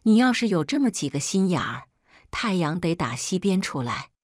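A haughty, wealthy middle-aged mother who scolds with biting mockery and a lively, swinging pitch, as a woman narrator puts her on. Her voice sits fairly low and sounds close and dry. She belongs to an audio storybook. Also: moderate pace, no room sound. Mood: scornful. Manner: sharp, mocking scolding.

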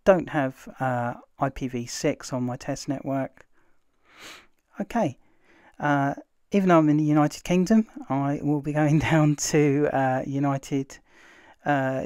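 A man, casually talking through a computer tutorial as host, relaxed and filled with "uh" pauses. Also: fairly high pitch, clear, resonant tone, no echo, studio quality. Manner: relaxed, chatty, many "uh" fillers. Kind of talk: casual screen-recorded tutorial narration.

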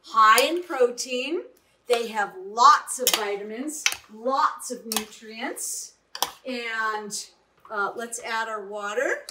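A woman's voice: on the high side, slow, noisy background. A middle-aged woman chef giving an upbeat cooking demonstration in a home kitchen, often checking in with "right?".

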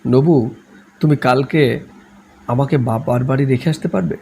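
A man's voice: mid-range voice, unhurried, vocal fry, mellow, a little hiss or hum. A man voicing a proud young wife in a storybook reading, cold and clipped in her speech. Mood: defiant.

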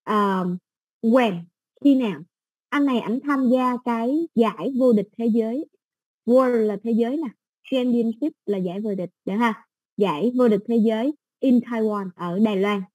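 A woman's voice: on the high side, normal speed, dry recording. Southern Vietnamese woman teaching English. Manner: patient, explains step by step with soft fillers. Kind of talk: casual exam-prep lesson.

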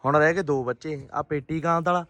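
High-pitched man vlogging casually. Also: a little fast, no room sound. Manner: animated, repeats short phrases. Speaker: pigeon keeper and vlogger. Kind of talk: casual outdoor vlog commentary.

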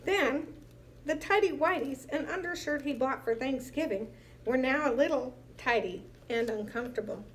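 A woman reading a children's picture book aloud in a lively, expressive way with playful emphasis. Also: high voice, moderate pace, slight background noise. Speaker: storyteller.

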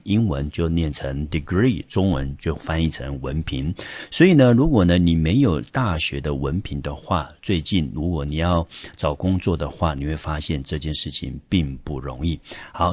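Male teacher with a Taiwanese Mandarin accent, deep and dry, calmly walking through vocabulary. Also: dry recording. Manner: patient, explanatory, many "好" and "呢" fillers. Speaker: English teacher. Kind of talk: vocabulary lesson explaining example sentences.

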